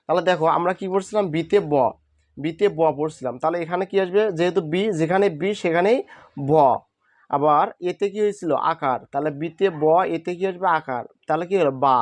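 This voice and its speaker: A man's voice: fairly high pitch, brisk, no echo. A man teaching a spoken lesson, patiently asking questions and answering them himself. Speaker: English teacher.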